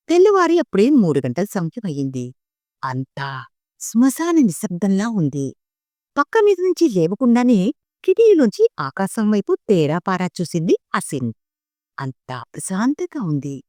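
A woman reading a short story aloud in a slow, expressive, gently dramatic way. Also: medium pitch, no echo, clean studio sound.

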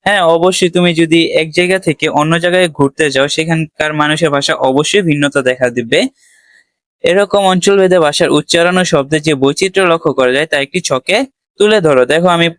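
A man's voice: on the high side, a bit bright, clear, resonant tone, no echo. Man teaching schoolkids, dry close voice. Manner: talks students through answers, asks and answers his own questions. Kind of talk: exam-prep lesson for schoolchildren.

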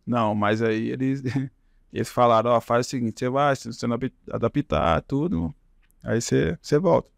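A man's voice: mid-range voice, normal speed, vocal fry, no room sound, clean studio sound. A Brazilian man with a Brazilian Portuguese accent, a podcast guest telling his story in a rambling, casual way full of tag questions. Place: podcast studio.

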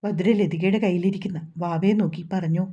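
A woman with a Malayalam accent reading a romantic novel aloud as narrator, voicing every character in a fairly even tone. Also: lowish voice, fairly quick, husky, dull audio. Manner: reads all characters' dialogue in a mostly even voice. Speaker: story narrator.

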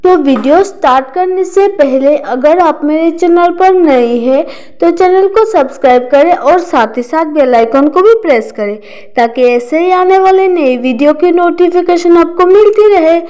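A woman teaching children a vocabulary lesson, spelling each word slowly letter by letter. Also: very high-pitched, mellow, rough recording. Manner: slow, deliberate spelling of words letter by letter.

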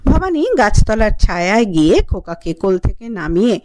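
A woman narrating a literary novel for an audiobook in a measured, clear way, announcing the page numbers. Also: medium pitch, very animated, a little mellow.

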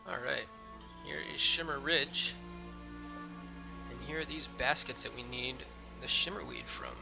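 A man's voice: mid-range voice, huge pitch swings, unhurried, creaky, highs cut off. A man hosting a let's play, talking casually over his game with frequent ums and a loose, rambling manner. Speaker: gameplay video host. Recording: game music playing behind.

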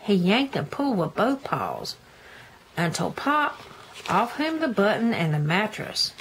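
Older grandmotherly woman reading aloud, animated. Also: medium pitch, unhurried. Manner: grandmotherly, folksy, chatting to the listener. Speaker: storybook reader, a granny. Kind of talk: read-aloud children's storytelling with homely asides. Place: indoors, book held in front of camera. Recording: noticeable room noise.

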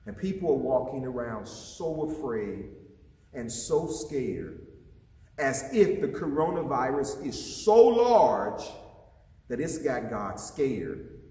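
A man's voice: medium pitch, big pitch swings, takes it slowly, warm tone. A man, an associate pastor, preaching a sermon with passion and putting questions to his listeners, recorded in a church sanctuary. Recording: echoey hall, voice from a distance.

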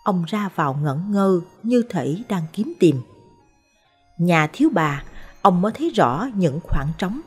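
A woman narrating short life stories in a calm, measured, scripted way. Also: lowish voice, breathy edge. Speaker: storyteller. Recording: soft background music.

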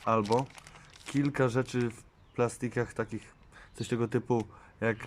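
A man vlogging as he opens a package, talking in a casual, unsure way that often drops to a low mutter and is full of swearing. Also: steady tone, unhurried. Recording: background noise.

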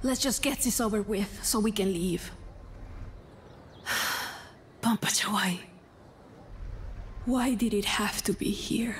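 An actress voices a guarded, brooding young warrior woman in video game dialogue, delivering blunt lines with a light touch of acting. Her pitch is medium and her pace a little slow, with faint game ambience behind her.

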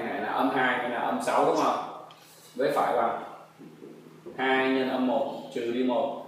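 Teacher in an echoey room. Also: male voice, medium pitch, a bit bright. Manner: coaxing, checks understanding with frequent tag questions. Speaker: math teacher. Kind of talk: explaining a textbook lesson. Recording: very echoey room, distant mic, faint noise.

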